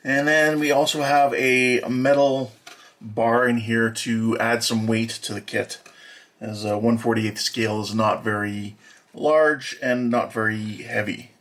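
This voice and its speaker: A man walking through an unboxing as a hobby model builder, talking in a plain, matter-of-fact way with many filler pauses. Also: mid-range voice, fairly even intonation, fairly bright tone. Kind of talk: unboxing walkthrough.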